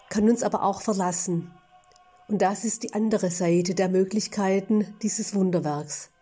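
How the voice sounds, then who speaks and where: A woman delivering a scripted sermon in a slow, measured, contemplative way. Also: mid-range voice, warm tone. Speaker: preacher.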